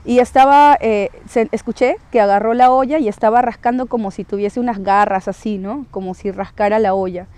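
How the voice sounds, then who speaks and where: A woman's voice: fairly high pitch, a little fast, few pauses, mellow, clean tone, dry recording. A woman recounting her own paranormal experience in a hesitant way, with many tag questions and restarts. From Peru. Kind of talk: first-person testimony, casual storytelling.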